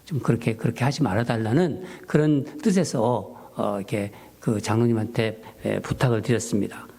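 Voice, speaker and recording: A man's voice: medium pitch, moderate pace, creaky, husky. A man who is a pastor, preaching a sermon and telling a story from his church life in a storytelling manner. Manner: storytelling, animated, rising when quoting his own prayers. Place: church sanctuary.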